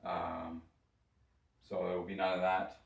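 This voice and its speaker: Deep-voiced hungover man, distant and echoey. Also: monotone, a little slow, gravelly. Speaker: sports podcast host. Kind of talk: casual solo sports podcast commentary. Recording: roomy echo, distant from mic.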